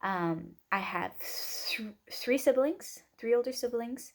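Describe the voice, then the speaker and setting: A woman's voice: on the high side, lively intonation, slow. A woman in her twenties from Oregon, introducing herself as a student in a casual, rambling way with many fillers. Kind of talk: casual self-introduction video.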